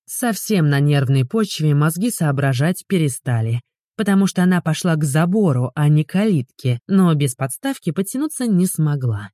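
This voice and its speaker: A woman reads an audiobook with lively, animated inflection and a mellow, warm timbre. The recording is close and dry, with no room sound. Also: low-pitched, normal speed, no room sound. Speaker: audiobook narrator. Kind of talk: audiobook narration.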